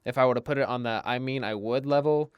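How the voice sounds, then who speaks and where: A young man comments over his own food review footage, rattling along at a brisk clip. His voice is smooth and clear and sits close to a dry mic. He is chatty and pokes fun at himself, circling back and restarting his sentences. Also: medium pitch, dry recording, dull audio. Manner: self-deprecating, chatty, rambling with restarts.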